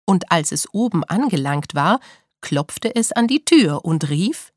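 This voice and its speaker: A woman's voice: fairly low pitch, unhurried, no room sound, studio quality. Woman reading a fairy tale aloud. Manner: clear, expressive reading. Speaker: storyteller. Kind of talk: storybook reading.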